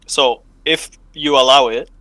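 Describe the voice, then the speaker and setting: A man's voice: mid-range voice, fairly even intonation, measured pace, bright, forceful tone, dry recording. A man playing a tabletop game, explaining his plans at length in a chatty way. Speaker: player.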